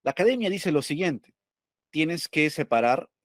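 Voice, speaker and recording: A man's voice: a little high, expressive, moderate pace, dry recording, studio quality. A male teacher going over test questions, explaining step by step and asking and answering his own questions.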